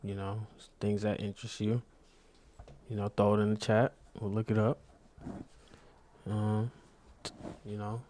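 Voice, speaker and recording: A man hosting a podcast in casual chat, relaxed and easygoing, trailing off with fillers. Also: fairly low pitch, a little slow, pauses often, slight background noise. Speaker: podcast host.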